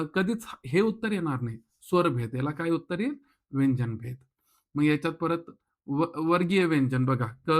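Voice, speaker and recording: A man with a Marathi accent teaching an exam-prep grammar lesson, explaining step by step and putting questions to his listeners. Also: fairly high pitch.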